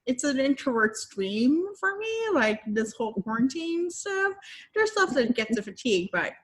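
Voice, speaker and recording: A woman's voice: high-pitched, big pitch swings, moderate pace, breathy edge. A woman from Puerto Rico hosting a book podcast, chatting casually with many fillers. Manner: rambling, many fillers like "like" and "I don't know". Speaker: podcast host. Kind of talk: casual interview chat.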